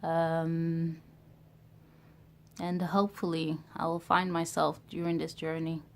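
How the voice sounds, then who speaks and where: In a personal vlog, this woman from Ghana, in her thirties and raised in Europe, reflects hesitantly on starting a business, pausing often and using many fillers. Her deep voice is level and creaky, with a little hiss or hum in the recording.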